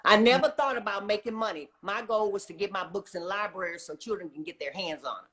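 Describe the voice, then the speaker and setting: Speaking quickly in a fairly bright, medium-pitched voice, a middle-aged woman appears as an interview guest. A retired teacher who now writes children's books, she talks casually and enthusiastically, with emphasis and repeated "okay?" check-ins.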